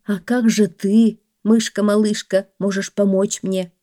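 A woman's voice: mid-range voice, level tone, unhurried, warm tone, dry recording, studio quality, natural voice. A woman voicing a doubtful, good-humored woodcutter in a plain, questioning voice.

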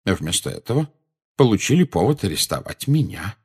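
A man voicing a calm, genial old wizard who speaks slowly and with quiet amusement. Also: low-pitched, full character voice. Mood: calm amused. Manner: slow, unhurried, gently amused.

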